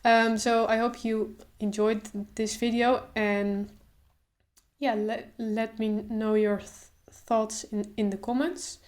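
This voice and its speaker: Talking to the camera in a casual way, a young female video creator with a slightly high voice stutters openly. Sound repetitions and pauses give way to a relaxed, slower delivery.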